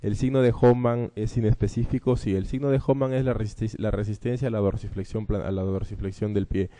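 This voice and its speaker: A man's voice: fairly low pitch, fairly even intonation, fairly quick, mellow. A man with a Peruvian Spanish accent giving an exam review lecture on cardiology, explaining each question and often tagging his points with a rhetorical "¿no?". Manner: explanatory, frequent rhetorical "¿no?" tags. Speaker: medical lecturer.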